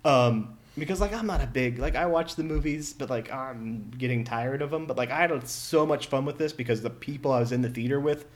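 A man's voice: medium pitch, brisk, few pauses. Man with a mid-range voice, rambling and filler-heavy, casual movie talk. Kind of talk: casual chat.

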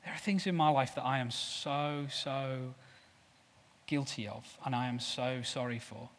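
A man preaching a sermon with passion, swinging from loud declarations to soft, low asides. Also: steady tone, measured pace. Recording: long hall reverb.

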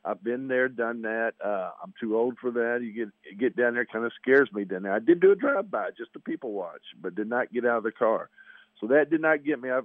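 A man's voice: mid-range voice, expressive, brisk, no echo. A fifty-year-old man, an athletic director, talking in a chatty, folksy way on a radio show, his voice nasal and congested from allergies. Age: 50s. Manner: chatty, folksy, repeats himself. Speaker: high school athletic director. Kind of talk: phone-in radio interview. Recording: tinny phone line.

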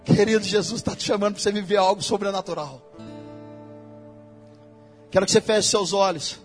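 A man's voice: high-pitched, fairly even intonation, moderate pace, soft background music. A man with a Brazilian Portuguese accent preaching a sermon in a church, in a casual, slangy way that speaks straight to the listeners.

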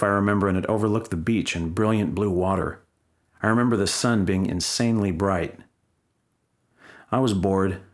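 A man reading his own comic first-person stories in a wry, blunt and profane manner. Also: fairly low pitch. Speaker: memoir reader.

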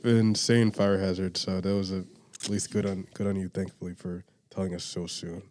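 A man's voice: low-pitched, level tone, fairly quick, a little mellow. A young man, a guest on a casual podcast, joking and stammering as he restarts his sentences. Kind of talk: casual chat.

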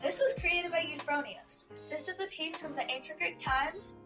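A woman's voice: sits high, moderate pace. A woman playing a showy, bossy podcast host in a scripted class skit. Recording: distant mic with loud music behind.

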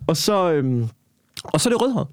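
A young man talks through a long anecdote in a loose, rambling way, restarting sentences and swearing casually. His voice sits slightly higher than most men's. The sound is dry and close, with no room echo. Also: sing-song. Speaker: guest telling a story. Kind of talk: casual storytelling chat.

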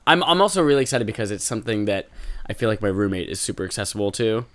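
A man's voice: lowish voice, expressive, fairly bright tone. A man co-hosting a podcast in casual, joking, sometimes crude talk. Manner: joking, crude, quick bursts. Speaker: podcast co-host. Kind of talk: casual chat.

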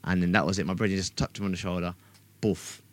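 A man's voice: low-pitched, flat delivery, fast talker, no room sound. A man with a London roadman accent and street slang, telling anecdotes in casual banter, animatedly repeating phrases for emphasis.

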